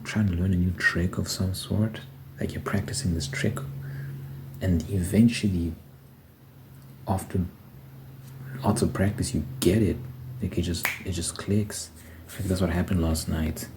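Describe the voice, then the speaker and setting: A man's voice: deep voice, darkish tone, poor audio. A man giving a casual, reflective personal monologue, thinking aloud in short phrases as a vlogger. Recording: noticeable background noise.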